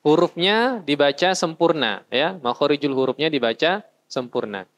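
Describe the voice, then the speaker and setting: A man's voice: a little high, lively intonation, normal speed, lo-fi sound. A man teaching a class how to recite, explaining patiently and chanting short verses as examples. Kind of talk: recitation lesson. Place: mosque.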